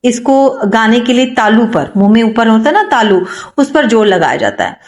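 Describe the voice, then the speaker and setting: A woman's voice: on the high side, animated, normal speed, echoey room. A woman music teacher explaining a lesson, asking questions and answering them herself. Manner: asks questions and answers them herself, repeats key points. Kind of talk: classroom-style lesson explanation.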